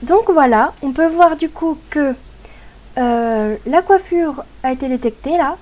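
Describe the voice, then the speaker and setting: High-voiced woman explaining a game tutorial. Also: a little slow, a little mellow. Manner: chatty and explanatory, frequent hesitations. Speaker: gaming tutorial host. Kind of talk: casual tutorial voice-over.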